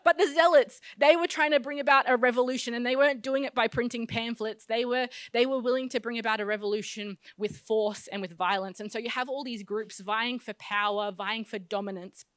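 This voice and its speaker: A woman's voice: fairly high pitch, steady tone, fairly quick, few pauses, fairly bright tone, clean tone, no echo. A woman pastor giving a sermon in a conversational, self-deprecating way, often restarting her phrases.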